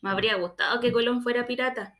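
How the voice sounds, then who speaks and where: A woman reads a children's audiobook aloud. She tells the story plainly in a boy's first-person voice. Her voice sits a little high. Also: fairly even intonation, fast, a bit bright. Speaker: audiobook reader.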